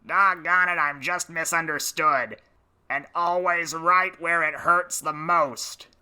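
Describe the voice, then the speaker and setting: A man's voice: fairly high pitch, steady tone, sharp tone, clean tone, full character voice, low-quality recording. A man voicing a sulky, wheedling male pet parrot on a storybook record. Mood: pleading. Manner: whiny, pleading, slow and drawn out.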